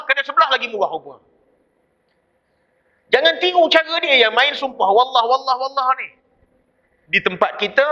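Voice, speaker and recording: A man with a Malaysian Malay accent giving a dawn mosque lecture as a religious teacher, telling stories with quoted voices. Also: sits high. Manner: lively storytelling with quoted voices. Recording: dull lo-fi recording.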